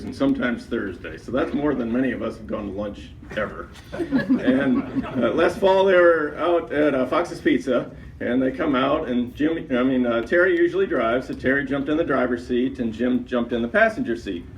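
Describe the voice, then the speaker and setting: A man's voice: fairly high pitch, a bit bright, slight background noise. Man telling roast stories from a distance. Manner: joking storyteller building up to punchlines. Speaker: speaker giving a roast at a retirement party. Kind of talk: humorous roast speech. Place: retirement party.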